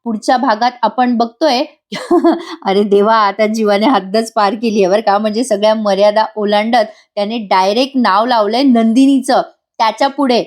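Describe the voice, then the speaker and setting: A woman's voice: fairly high pitch, normal speed, a little mellow. A woman narrating a voice-over recap of a TV serial, chatting directly to her viewers. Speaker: TV serial reviewer.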